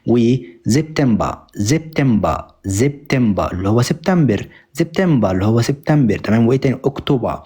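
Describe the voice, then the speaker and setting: A man's voice: mid-range voice, animated, a little fast, warm tone, breathy edge. A young Egyptian man teaching German on a live stream, repeating each word over and over and thanking viewers often. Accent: Egyptian Arabic. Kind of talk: live-stream language lesson.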